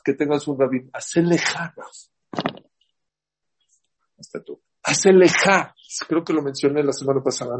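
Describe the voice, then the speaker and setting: A man's voice: a little high, breathy edge, poor audio. A man giving a rabbi's class, telling stories and putting questions to his listeners. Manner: storytelling, asks the class questions. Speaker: rabbi teaching a Torah class. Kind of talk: lively religious class talk.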